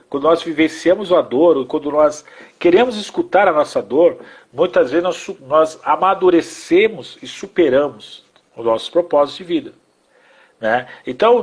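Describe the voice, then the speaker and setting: A man working as a hypnotherapist talks slowly and soothingly about grief, guiding listeners through calming imagery. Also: on the high side, slightly rough. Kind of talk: reflective conversation on grief.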